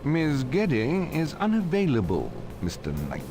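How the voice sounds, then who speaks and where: An actor playing a creepy, snide butler in a video game, with a slow, unctuous, formal delivery. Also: male voice, fairly high pitch, wildly swooping pitch. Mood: coldly polite. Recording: video game audio under loud music.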